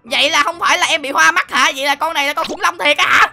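A woman's voice: high-pitched, quick pace, gravelly, over music. A young woman hosting a gaming video, dramatic and exclamatory, full of shrieks and teasing threats. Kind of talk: excited game commentary.

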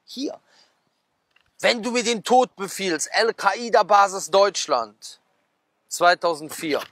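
A preacher in his thirties sits at a garden table outdoors, reading magazine headlines aloud in casual talk before launching into quick, gesturing asides and rhetorical questions for his audience. His voice is high for a man and fairly bright, captured dry and close on a clip-on mic with no room sound.

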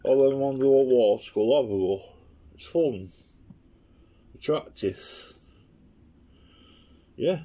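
This man, hoarse with an infection, paints watercolours at home in his living room while a table-mounted camera records him off-screen. His warm, mid-range voice moves slowly with frequent pauses as he rambles and chats to himself about the demo.

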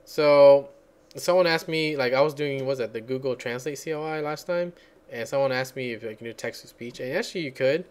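Casual tutorial host, male, mid pitch, rambling, talks while typing. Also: fairly quick, darkish tone, clear, resonant tone. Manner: rambling, thinks aloud and searches for words. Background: computer keyboard typing.

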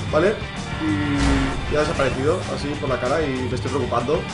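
Rich: A young man with a Spain Spanish accent commentates his game live for his stream. He is excitable and jokey, he swears without a second thought, and his voice sits a little high for a man. Faint game music runs underneath him. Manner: excitable, joking, swearing freely. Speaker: gaming streamer.

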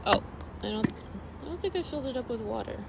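Her voice is fairly high with vocal fry, lively intonation, and a quick pace, set against heavy background noise. A young car-living vlogger, she films herself on a phone at arm's length at a forest campsite, chatting casually and filling her thoughts with fillers.

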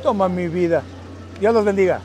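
High-pitched, slangy northern Mexican man. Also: moderate pace. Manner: slangy, affectionate street talk; animated, calling out to passers-by. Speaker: political campaigner. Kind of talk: casual street campaigning chat. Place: outdoors on a dusty neighborhood street. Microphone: phone held by someone a few meters away. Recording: noisy outdoor street, phone video.

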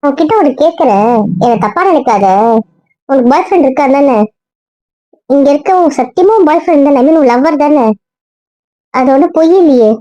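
A woman playing a high-voiced nosy friend. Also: moderate pace, pauses often, warm tone, dry recording, muffled recording, close to an everyday voice. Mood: teasing. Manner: prying questions. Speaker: friend and colleague.

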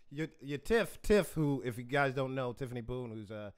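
A man's voice: medium pitch, expressive, moderate pace, smooth. A man hosting a casual interview, joking and teasing his guest and laughing often. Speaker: host.

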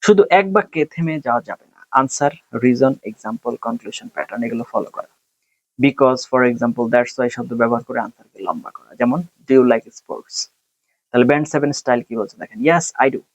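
A man teaching an IELTS speaking lesson over a computer screen, switching between quick explanation and slowly read English example answers. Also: mid-range voice, expressive, no echo. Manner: reads English model answers slowly and deliberately. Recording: dry, dull lo-fi recording.

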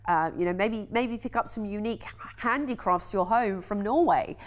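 A woman's voice: medium pitch, moderate pace. A woman with an English accent presenting cruise deals on a shopping channel, chatty and enthusiastic with frequent ums.

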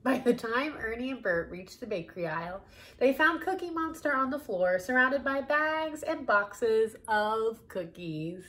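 A woman reading a children's picture book aloud, animated, with giggly asides to her listeners. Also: a little high, a little slow, a little hiss or hum. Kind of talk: storybook read-aloud.

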